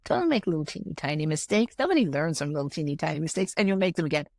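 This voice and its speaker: A woman's voice: deep voice, sing-song, rapid-fire, darkish tone, dry recording. A woman of mature years, an arts executive guest in an interview, speaking emphatically and telling stories with quoted dialogue. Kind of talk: conversational interview.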